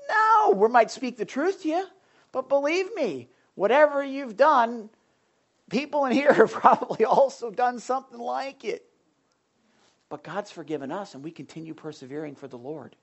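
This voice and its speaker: A preacher giving a sermon to a live gathering. The delivery is loud and excitable, swinging from near-shouts to quiet, earnest passages. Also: medium pitch, normal speed. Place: indoor gathering with a live audience.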